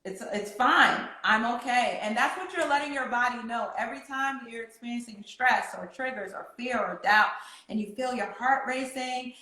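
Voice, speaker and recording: A woman's voice: fairly high pitch, moderate pace, bright, forceful tone, reverberant, slight background noise, rough recording. A woman who teaches laughter yoga, talking earnestly in casual chat, with many fillers and restarts.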